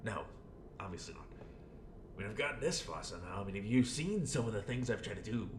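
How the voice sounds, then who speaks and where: A man voicing an unhinged, menacing clown supervillain in a rambling, theatrical audio roleplay, with a gravelly voice and smug manner. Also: lively intonation, fast, natural voice. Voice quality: gravelly, creaky. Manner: rambling, theatrical, swinging from mutters to outbursts. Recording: roomy echo, faint rumbling noise.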